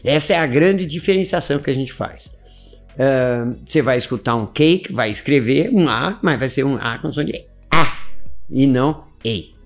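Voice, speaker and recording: A man teaching a casual video lesson, animated and repetitive, checking in often with his listeners. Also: medium pitch, normal speed, faint music behind. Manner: animated, repeats words, frequent "tá?" check-ins. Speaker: English teacher.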